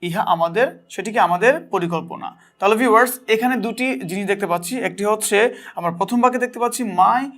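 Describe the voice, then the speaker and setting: A man's voice: high voice, a bit bright. Bangladeshi man teaching grammar. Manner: asks and answers his own questions; reads English examples slowly and carefully. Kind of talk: classroom grammar lesson.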